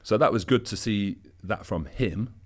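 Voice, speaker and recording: Very deep-voiced man telling stories casually. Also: moderate pace. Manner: easygoing anecdotal storytelling, loose with fillers. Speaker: bodybuilder guest. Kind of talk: casual interview chat.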